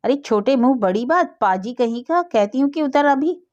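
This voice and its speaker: Woman doing a shrill spiteful old woman. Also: expressive, normal speed, a little mellow, highs cut off. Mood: shrieking. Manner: scolding, shrieking.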